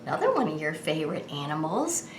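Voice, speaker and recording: A woman's voice: deep voice, very animated, quick pace. Echoey room w faint noise, lady doing super peppy singsong kids party host thing, asks questions to the kid. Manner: exaggerated, sing-song kids' party host enthusiasm; asks questions and answers as if the child replied. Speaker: children's show host. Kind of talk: children's birthday greeting addressed to the child.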